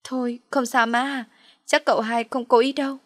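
A woman voicing a scheming young daughter who talks softly and pretends to be innocent. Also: fairly high pitch, fairly even intonation, normal speed, dry recording, clean studio sound, pitched above the performer's own voice. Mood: pleading. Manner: soft, pleading, feigned meekness.

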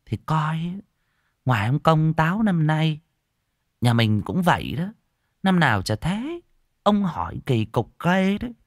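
A high, wailing old village wife from a spoken ghost story, her voice leaping wildly up and down, as a male narrator puts her on. The reading is close and dry, with no room sound. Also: very animated, measured pace, long pauses, no room sound. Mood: teasing.

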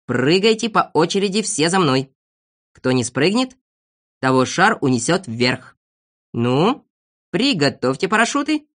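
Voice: medium pitch, big pitch swings, measured pace, fairly bright tone. Znaika, a reader as a firm clever shorty leader. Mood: commanding. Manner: firm commanding calls.

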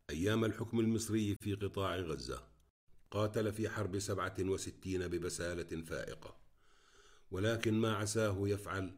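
A man reading an audiobook in measured, even scripted narration. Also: fairly low pitch.

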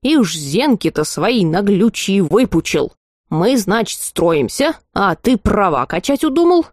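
A woman's voice: medium pitch, big pitch swings, unhurried, a little mellow, no echo, studio quality. A woman voicing a feisty old folk witch who scolds in a folksy way in an audiobook. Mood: scolding.

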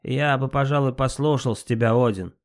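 A man's voice: mid-range voice, fairly quick, voice pushed up, close to an everyday voice. A man playing a mocking trickster fire god. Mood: defiant, mocking. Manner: mocking, defiant. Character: scheming male trickster god of fire, insolent and spiteful.

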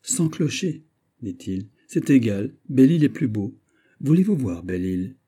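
A man's voice: medium pitch, very animated, a little slow, warm tone, slightly rough. A man narrator voicing a proud, plain-spoken Breton fisherman, in an earnest, firm manner.

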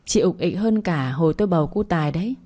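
A woman reading as a spiteful young mistress in an audio story, sneering and needling in a low, mellow voice. She talks down with cold contempt, every line a jab. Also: animated, fast. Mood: taunting. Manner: taunting, sneering.

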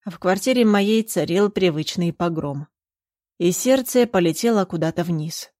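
A woman's voice: on the low side, moderate pace, a little mellow, no room sound, clean studio sound. A woman narrating a first-person story in a tense, dramatic reading. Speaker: audiobook narrator.

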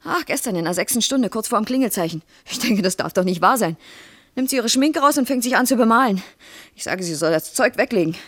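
An actress in her twenties playing a frustrated young wife and teacher in a 1970s radio play, sharp and sarcastic. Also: fairly high pitch, lively intonation, fairly quick. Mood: demanding. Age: 20s.

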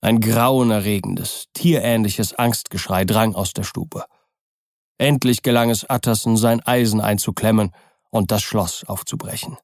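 Low, gravelly male narrator. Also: dry recording, studio quality. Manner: measured, steady reading. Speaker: audiobook narrator. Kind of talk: scripted narration.

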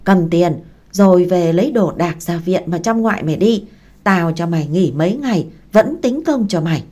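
A woman voicing a gruff, foul-mouthed older woman who runs a restaurant, speaking in a loud scolding way. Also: fairly low pitch, lively intonation, moderate pace. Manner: loud scolding, rough and blunt.

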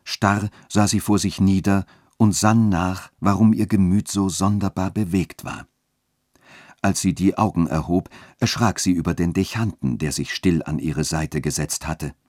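A man narrating a literary story in a measured, even manner. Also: sits low, dry recording, studio quality. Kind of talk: literary reading.

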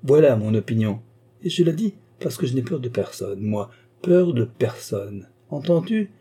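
A man voicing a blustering, hearty old gentleman card player in an audiobook, boisterous and full of exclamations. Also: mid-range voice, animated, moderate pace, slightly rough. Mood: insistent.

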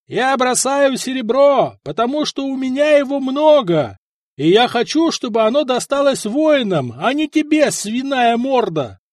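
Male reader playing a defiant, cunning besieged commander; lively, dry. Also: fairly high pitch, normal speed, no room sound. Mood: defiant shouting. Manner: defiant, mocking when shouting. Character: shrewd defiant male warrior commander, cool under siege.

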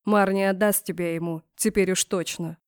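A woman's voice: lowish voice, fairly even intonation, moderate pace, dry recording, studio quality, lightly acted. A woman voicing a harsh, mocking winged man who barks orders, in an audiobook. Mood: cold, mocking. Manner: brusque, barking orders. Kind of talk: audiobook character voice.

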